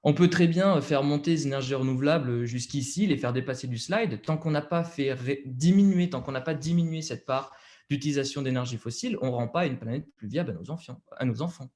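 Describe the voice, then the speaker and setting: A man's voice: medium pitch, a little fast, a little mellow. A young man with a French accent presenting slides over a video call, hesitant, with many fillers and restarts.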